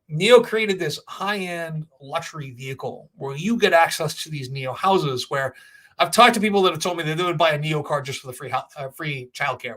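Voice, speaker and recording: A man's voice: on the high side, a bit bright. A man hosting a casual livestream, giving opinionated, rambling off-the-cuff commentary and often checking in with a tag question. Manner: opinionated, rambling, often tagging points with "right?". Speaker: host of a financial Q&A livestream.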